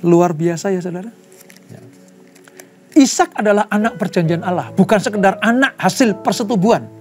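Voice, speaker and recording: Bible study preacher, emphatic sermon delivery, repeats key points, calls listeners brethren, mid-pitched voice, faint music behind. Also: moderate pace.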